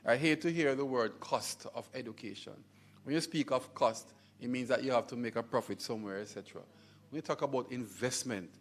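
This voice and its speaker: A man with a Jamaican accent, a college head giving a formal, emphatic ceremonial speech with stressed words and pauses. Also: mid-range voice. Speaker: university college head speaking at a scholarship launch.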